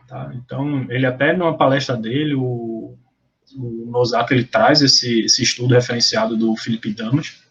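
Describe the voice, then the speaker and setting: A man with a Brazilian Portuguese accent explains material to a study group, pausing often to correct himself and search for words. His voice sits at an ordinary pitch and comes through dull and lo-fi, like an online call. The tone is that of an academic lecture. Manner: explanatory, frequent fillers and self-corrections. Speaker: lab meeting presenter.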